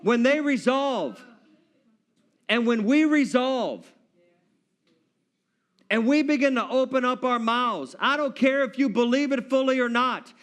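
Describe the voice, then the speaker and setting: High-voiced playful male preacher. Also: a little slow, pauses often, a bit bright. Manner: playful, acts out scenes in character voices and breaks into song. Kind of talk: sermon. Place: church.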